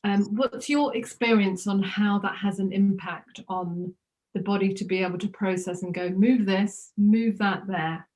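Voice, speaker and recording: A woman hosting an interview in a relaxed, conversational way, asking questions over a video call. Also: medium pitch, unhurried, rough recording.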